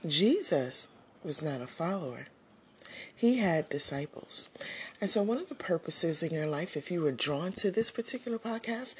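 A middle-aged woman hosting her own podcast, talking to listeners in an earnest, unhurried motivational monologue with soft laughs and breathy asides. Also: sits low. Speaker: podcast host.

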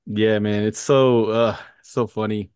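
A man's voice: fairly low pitch, little pitch movement, slow, a little mellow, clean tone, no echo, studio quality. A man co-hosting a movie podcast, rambling through casual chat with lots of fillers and casual swearing. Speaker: podcast co-host.

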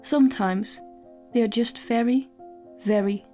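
A woman's voice: a little high, unhurried, music in the background. A woman hosting a storytelling podcast, earnest and hesitant, with many fillers and restarts. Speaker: podcast host.

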